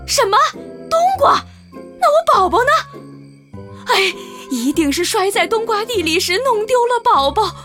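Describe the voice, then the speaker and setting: A woman's voice: very high-pitched, expressive, normal speed, few pauses, over music. A woman doing scatterbrained young mother Pangsao. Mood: alarmed. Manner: exclaiming, fretful, lots of sighs. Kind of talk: children's storybook acting.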